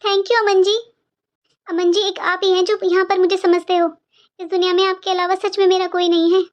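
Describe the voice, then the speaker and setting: A woman voicing a sad young pregnant daughter-in-law in an animated cartoon, talking in a plaintive, complaining, self-pitying way. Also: very high-pitched, moderate pace, dull audio.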